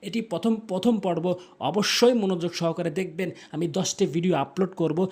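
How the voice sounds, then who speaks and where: A patient recitation teacher works through the Arabic letters one by one, saying each sound several times over. The delivery is slow and instructive, with careful demonstrations of tongue and lip placement at a middle pitch. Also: a little mellow, husky. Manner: repeats each letter slowly, contrasting wrong and correct sounds. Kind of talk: pronunciation lesson on Arabic letters.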